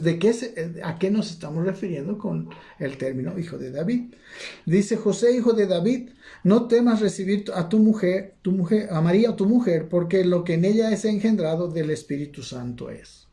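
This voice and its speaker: A man's voice: high-pitched, mellow. Man preaching a Bible study, conversational. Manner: conversational, asks "¿no?" again and again, many restarts.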